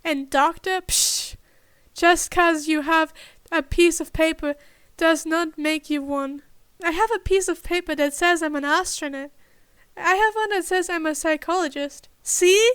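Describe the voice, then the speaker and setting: Brief: goofy prankster teen boy, read by a woman, teasing, unhurried. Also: very high voice, fairly bright tone, no echo. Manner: cheeky, teasing.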